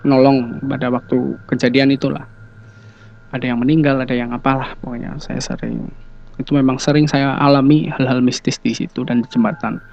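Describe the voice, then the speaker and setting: A man calmly recounting his own ghost encounters in a casual interview, hesitating often. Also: medium pitch, moderate pace. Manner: relaxed, hesitant, many fillers. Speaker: guest telling ghost experiences. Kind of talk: casual storytelling. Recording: dull lo-fi sound.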